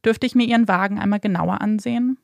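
A woman voicing a calm young male police officer in a true-crime story, level and matter-of-fact. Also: mid-range voice, fast, creaky, no room sound, clean studio sound, lightly acted.

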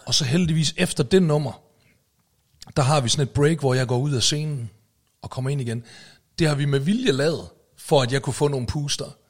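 Husky man chatting casually. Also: mid-range voice. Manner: frequent tag questions and fillers, swears casually. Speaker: podcast co-host, musician. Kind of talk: casual chat.

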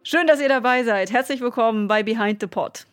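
A woman's voice: fairly high pitch, a little fast, music in the background. A woman hosting a podcast, introducing guests and asking questions in a conversational way. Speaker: podcast host, interviewer.

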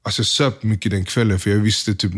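A man's voice: lowish voice, fairly even intonation, fairly bright tone, husky. Subdued young man recounting a crisis. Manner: subdued, halting, slangy retelling with quoted dialogue. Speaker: interview guest. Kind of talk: candid personal storytelling.

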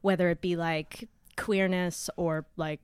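A young woman in her mid-twenties with a Cape Breton accent talks casually as an interview guest. Her voice is smooth and clear, recorded close and dry. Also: on the low side, fairly even intonation, measured pace, dry recording. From Cape Breton, Canada. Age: mid-20s. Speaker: podcast guest.

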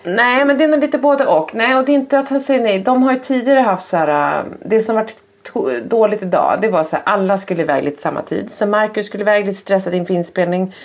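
A woman's voice: medium pitch, lively intonation, hardly any pauses. A woman chatting casually, animatedly retelling a hard morning with her son and acting out his outbursts. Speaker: podcast guest telling a parenting story. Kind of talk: casual chat. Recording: slightly dull lo-fi sound.

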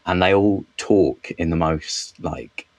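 A man's voice: deep voice, slow pace, no room sound. A man chatting as a TV critic guest on a podcast, enthusiastic and wry, often restarting his sentences. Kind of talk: casual podcast chat.

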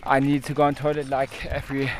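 A man's voice: medium pitch, monotone, fast. A male bike-race rider chatting cheerfully with the host, laughing often. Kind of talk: casual chat.

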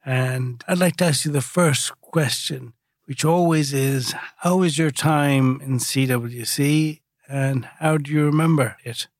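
A man's voice: medium pitch, steady tone, a little slow, no echo, clean studio sound. A man with an Irish accent speaking as a podcast host, introducing and interviewing.

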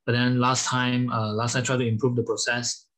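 A man from Malaysia, a startup founder, answering podcast interview questions in halting English with many fillers. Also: mid-range voice, flat delivery, a bit bright, poor audio. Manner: halting, many fillers, non-native phrasing. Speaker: guest, startup founder and CEO.

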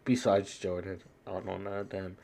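A man co-hosts a sports podcast, chatting casually and loosely with lots of slang and frequent use of "bro." His voice sits low with little pitch movement, at a normal speed, gravelly and warm.

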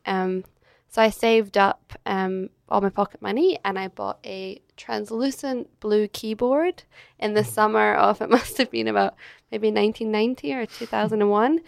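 A woman's voice: mid-range voice, creaky, dry recording, studio quality. A Scottish woman in her thirties, telling stories as a chatty interview guest who laughs often. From Scotland. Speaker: guest, agency director. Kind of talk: casual interview chat. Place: hotel.

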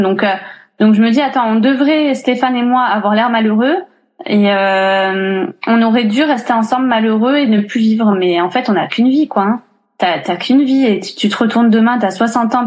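In a laid-back interview conversation, a woman in her thirties who is a single mother talks freely, peppering her speech with fillers and restarts. Her voice is medium in pitch and a little mellow.

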